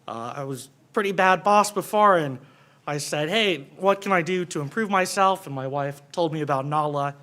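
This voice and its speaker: A man informally introducing himself to an audience in a candid, halting way. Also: fairly high pitch, pushed and bright.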